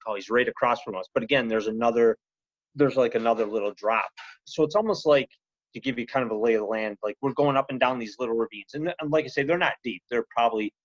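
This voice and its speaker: Speaking in a mid-range voice, this man is a podcast guest spinning a rambling, animated story peppered with "you know" and "he goes." There's no room sound; the audio is close and dry, if a bit muffled.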